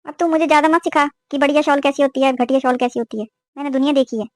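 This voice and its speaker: Woman voicing a sharp-tongued mother-in-law. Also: high-pitched, fairly even intonation, rapid-fire, no room sound, natural voice. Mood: scolding. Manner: scolding, complaining. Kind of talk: cartoon voice acting.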